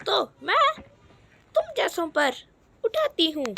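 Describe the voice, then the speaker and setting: A woman's voice: very high-pitched, big pitch swings, takes it slowly, gravelly, sharp tone, voice pushed up, heavily acted. A woman voicing a bold young female fighter in a fan cartoon, taunting and defiant.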